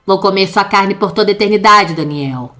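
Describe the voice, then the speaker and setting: A woman voicing a vengeful undead female demon, hoarse and guttural, snarling threats in a horror audio story. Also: medium pitch, brisk, pushed and bright, faint music behind, natural voice. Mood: menacing. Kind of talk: dramatic audio-story reading.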